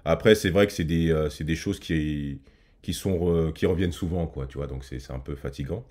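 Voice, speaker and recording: A man's voice: very deep voice, fairly quick, darkish tone. A man talking casually to his viewers as a reaction host, hesitant with many fillers and restarts. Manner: addresses viewers directly.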